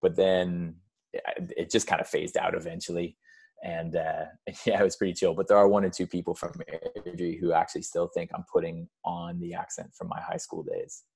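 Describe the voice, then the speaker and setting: Laid-back, very deep-voiced man. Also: flat delivery, moderate pace, gravelly, darkish tone, husky. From California. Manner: laid-back, laughs often, says "like" and "dude" a lot. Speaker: podcast guest. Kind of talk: casual chat.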